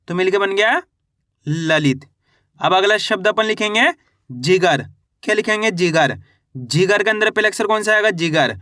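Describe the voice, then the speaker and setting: In a clean, echo-free studio recording, a man with a high, bright, forceful voice gives a slow spelling-out lesson in Hindi reading. He breaks each word into syllables, then says it whole, asking the viewer questions he answers himself.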